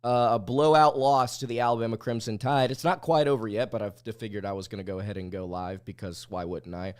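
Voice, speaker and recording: A male podcast host delivers blunt, opinionated live sports commentary in a lowish, steady voice that runs a little fast. The recording is clean, though he sounds sick and under the weather.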